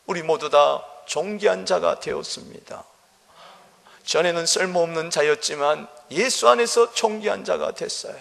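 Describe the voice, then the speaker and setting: A man's voice: sits high, creaky, long reverb tail. A male pastor preaching a sermon in a church sanctuary, telling stories vividly and acting out the voices in them. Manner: animated storytelling, acting out quotes.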